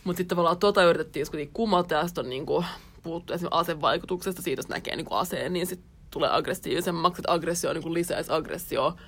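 A woman's voice: on the low side, husky. Reflective young Finnish-speaking woman podcaster. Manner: thinking aloud, many fillers, reflective. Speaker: podcast co-host. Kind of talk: casual chat.

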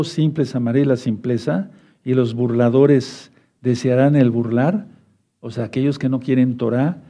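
Dark-voiced man teaching Scripture. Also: medium pitch. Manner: didactic, spells out words and repeats key points; addresses listeners as beloved brothers, asks for note-taking. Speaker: teacher of a Bible study. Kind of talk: teaching sermon.

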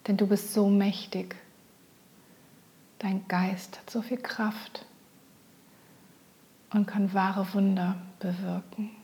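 A woman guiding a meditation in a soft, breathy near-whisper, gentle, soothing and unhurried. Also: mid-range voice, level tone. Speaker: meditation guide. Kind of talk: guided meditation.

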